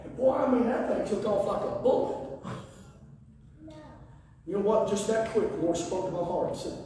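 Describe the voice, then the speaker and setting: A man, preaching a sermon as guest pastor, pacing and swinging from quiet asides to sudden shouts. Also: high voice, moderate pace, a little hiss or hum. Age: 50s. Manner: animated, paces the platform and gestures. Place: wood-panelled church sanctuary, indoors. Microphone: far camera, no visible mic. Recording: echoey church hall from far off.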